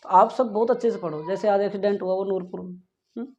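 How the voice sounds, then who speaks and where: A man's voice: high voice, fairly even intonation, fast, a little mellow, slight background noise. A male physics teacher. He gives a classroom lecture and an earnest, pleading talk to his students, often asking if they follow and saying "yaar". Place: classroom with a board. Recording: dull lo-fi classroom recording.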